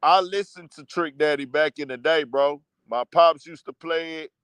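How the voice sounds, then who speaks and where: A high-voiced man hosting a casual livestream commentary show rants bluntly and heatedly, swearing freely, at a normal speed. His tone is smooth, clear, and fairly bright, and the close, dry mic picks up no room sound.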